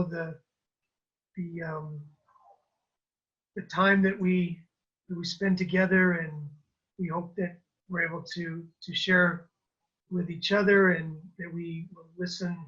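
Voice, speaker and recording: A man's voice: sits high, fairly bright tone, lo-fi sound. A man who sits on a board opening an event with a welcome and blessing over a video call, earnest and full of fillers. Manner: earnest, with frequent fillers and restarts.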